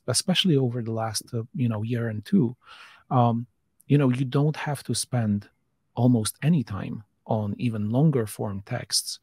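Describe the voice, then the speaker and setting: Gravelly, husky-voiced man thinking aloud. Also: medium pitch, darkish tone, no echo, clean studio sound. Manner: thinks aloud with many restarts and fillers. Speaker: podcast guest, voice tech company founder. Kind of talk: casual panel discussion.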